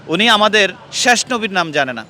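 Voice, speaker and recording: A man's voice: high voice, sing-song, normal speed, pushed and bright. A man hosting a street quiz interview outdoors, earnestly questioning passers-by and lecturing them. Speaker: street interviewer and channel host. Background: traffic and street noise.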